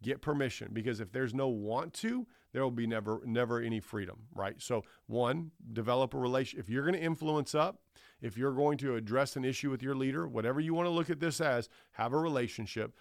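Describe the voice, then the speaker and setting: A man's voice: mid-range voice, fairly quick, vocal fry, no echo, studio quality. A man preaching a sermon, counting off his points with emphasis and acting out quoted dialogue. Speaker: pastor.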